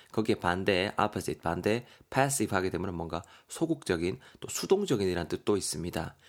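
A man teaching English vocabulary on a podcast, friendly, spelling words letter by letter. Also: on the low side.

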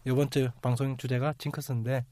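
A man's voice: medium pitch, flat delivery, a little fast, darkish tone, no echo, studio quality. A man hosting a casual podcast chat, laughing often and sometimes mimicking other people. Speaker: podcast host.

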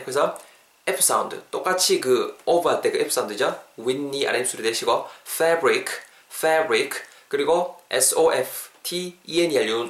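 A man's voice: mid-range voice, fairly bright tone, reverberant. A male podcast host giving an English lesson, coaching listeners to repeat phrases after him in an upbeat, encouraging way.

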